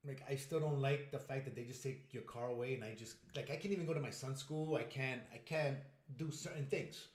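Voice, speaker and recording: A man co-hosting a podcast in casual chat, telling stories with lively acted-out quotes. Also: mid-range voice, fairly quick, hardly any pauses. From United States. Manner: animated storyteller, acts out quotes. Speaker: podcast co-host. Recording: roomy echo.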